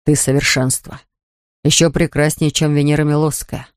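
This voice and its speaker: A man reading an audiobook, voicing an amorous, indulgent young man in a lowered, murmuring voice, in a dry studio. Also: level tone, moderate pace, clean tone, dry recording, natural voice.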